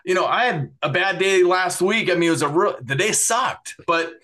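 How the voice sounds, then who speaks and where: An earnest middle-aged man closes out his podcast, thanking his guest and plugging his websites. He sounds heartfelt and a little repetitive, with plenty of fillers. His voice sits fairly high for a man. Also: normal speed, pushed and bright. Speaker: podcast host.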